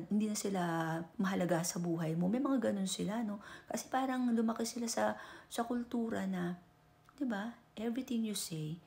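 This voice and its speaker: A woman's voice: medium pitch, gravelly, warm tone. A woman from the Philippines with a Filipino accent, chatting casually as she gives relationship advice and mixes Tagalog with English, tagging her sentences with "no?" and "di ba?". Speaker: vlogger giving relationship advice.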